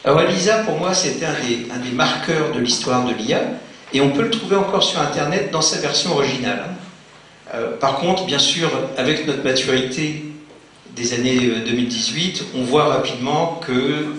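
A man's voice: mid-range voice, normal speed, a bit bright. A man giving a conversational conference lecture, with fillers and restarts, joking with his audience. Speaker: conference speaker. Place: lecture hall. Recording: very echoey hall, faint noise.

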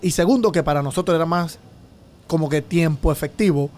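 A fast-talking, animated man from the Dominican Republic, with a fairly high voice, appears as a podcast guest in a casual storytelling interview. He tells stories quickly, adding sound effects and gestures. He's in a small dark-curtained studio, using a boom-arm studio mic and headphones.

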